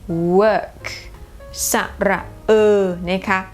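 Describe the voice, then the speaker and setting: A woman's voice: mid-range voice, steady tone, slow pace, faint music behind. A woman teaching English pronunciation in a casual lesson, repeating each word several times and switching between English and Thai explanations.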